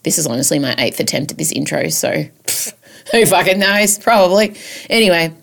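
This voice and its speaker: A woman's voice: lowish voice, expressive, fairly quick, vocal fry, fairly bright tone. An Australian woman hosting a comedic podcast as a chatty monologue, campy, theatrical and self-mocking, with the odd swear word.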